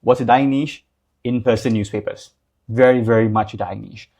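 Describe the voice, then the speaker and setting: In a relaxed talking-head video, a young man from Singapore coaching on business offers loose, conversational advice peppered with "like" and "um". His mid-range voice is a little mellow, with fairly even intonation and a moderate pace.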